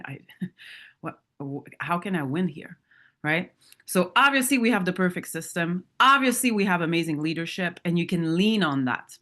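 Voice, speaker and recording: A woman's voice: mid-range voice, a bit bright. Candid woman speaker telling stories. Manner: candid, storytelling, asks the audience questions. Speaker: motivational speaker at a sales training. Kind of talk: motivational talk to an audience.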